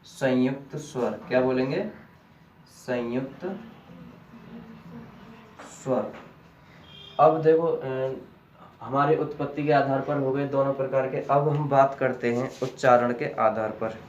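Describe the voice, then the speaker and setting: A man teaching a grammar lesson at a slow, deliberate pace, asking a question and then answering it himself. His voice reaches the mic from a distance across an echoey room, with pitch sitting in the middle for a man. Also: steady tone, dull audio, a little hiss or hum. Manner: repeats key terms as questions to students.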